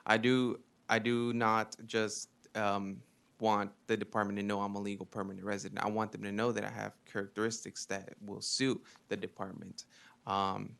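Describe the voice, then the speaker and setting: A man's voice: on the low side, flat delivery, normal speed, creaky, fairly bright tone, smooth. A young man in his twenties from Mexico, giving earnest prepared testimony to a legislative committee with frequent ums. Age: 20s. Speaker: witness testifying.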